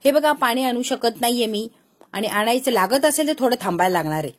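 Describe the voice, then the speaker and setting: A woman voicing a dutiful young wife who keeps urging and fussing, in a high voice. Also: lively intonation, brisk. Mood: arguing. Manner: urging, fussy.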